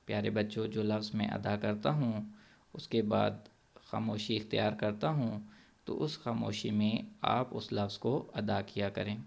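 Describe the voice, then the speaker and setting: A man teaching English pronunciation to children in an online class, saying words slowly and repeating them for the pupils to echo. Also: fairly low pitch, fairly even intonation, vocal fry, a little mellow.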